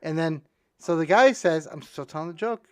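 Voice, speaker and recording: His smooth voice moves at a normal speed as this podcast host rambles through a long joke. He keeps restarting and hits the punchlines in high voices.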